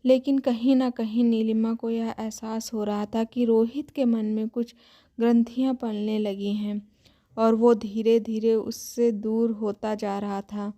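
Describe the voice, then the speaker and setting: A woman's voice: a little high, little pitch movement, unhurried, dark tone. A woman reading a scripted, emotional family story as a storyteller.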